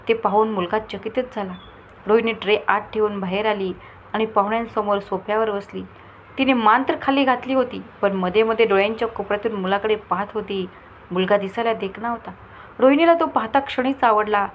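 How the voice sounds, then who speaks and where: Lady reading a heartfelt family story, steady, middle pitch, faint background noise. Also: poor audio. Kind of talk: scripted story narration.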